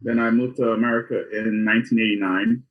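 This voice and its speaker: A Guyanese doctor in his forties tells his life story plainly and matter-of-factly while answering questions as a casual interview guest. His voice is lowish and steady, he speaks fast, and the audio is dull and lo-fi.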